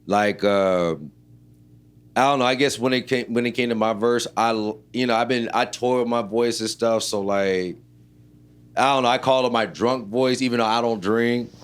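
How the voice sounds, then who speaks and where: A man's voice: mid-range voice, fairly even intonation, moderate pace, smooth. A man from Illinois, a rapper and producer, talking as an interview guest in a loose, rambling way full of fillers. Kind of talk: casual interview chat.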